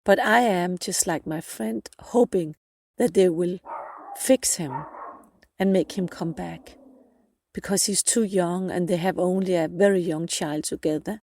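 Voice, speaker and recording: Low, gravelly woman telling a spiritual story. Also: measured pace, dark tone, no echo, studio quality. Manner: earnest, present-tense retelling with repeated phrases. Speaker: podcast host.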